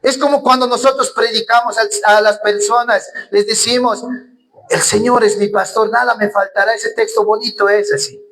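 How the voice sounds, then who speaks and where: A man's voice: high-pitched, steady tone, normal speed, a bit bright, rough recording. Earnest man preaching a sermon. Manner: earnest, asks rhetorical questions, keeps calling the congregation "brothers". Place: church.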